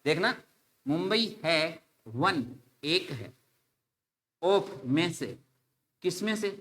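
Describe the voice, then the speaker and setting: Lively high-voiced male teacher, bright. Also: drawn-out words. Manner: animated, voices students' questions, mixes Hindi and English. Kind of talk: exam-prep grammar lecture.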